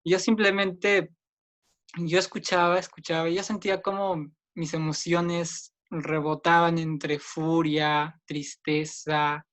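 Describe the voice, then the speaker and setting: In an interview, a young Peruvian man tells his own story earnestly in a Peruvian Spanish accent. His delivery is flat, slow, and fairly bright, though his pitch rises whenever he acts out what other people said.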